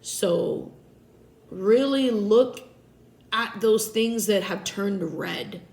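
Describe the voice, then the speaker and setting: A woman with a stuffy nose giving a relaxed, rambling tarot reading, often correcting herself mid-sentence. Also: mid-range voice, takes it slowly, vocal fry, reverberant, poor audio. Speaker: tarot reader.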